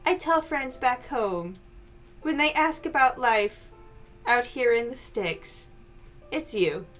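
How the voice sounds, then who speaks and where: Woman playing weary art teacher, mock-formal poetry reading, lively pitch, slow. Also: faint music behind. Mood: wry. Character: put-upon small-town woman art teacher.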